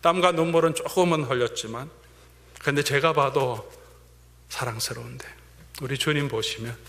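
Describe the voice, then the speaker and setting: Bright-voiced male pastor in a reverberant church. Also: mid-range voice, normal speed. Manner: swings between fervent raised emphasis and hushed whispers. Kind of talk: sermon. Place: church sanctuary. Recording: long church-hall reverb.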